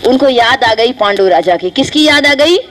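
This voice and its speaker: A woman telling a story to children at a camp, often pausing to quiz her listeners with questions. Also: on the high side, poor audio. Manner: lively, quizzes listeners.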